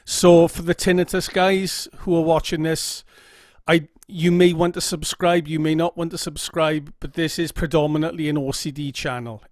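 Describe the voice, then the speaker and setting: This is a vlogger from Wales, a middle-aged man with a Welsh accent, recounting his own experiences to camera and regularly checking in with "okay?". His voice sits on the high side with a flat delivery and moderate pace, captured by a camera mic with no room sound at studio quality.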